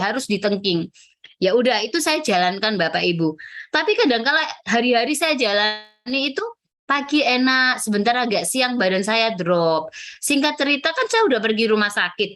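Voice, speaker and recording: A woman shares a church testimony in a chatty, storytelling way. She often pauses on fillers and acts out her own remembered words. Her voice is bright and clear and sits somewhat high. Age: 40s. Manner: chatty storytelling with fillers and acted self-quotes. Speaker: testimony speaker at prayer fellowship.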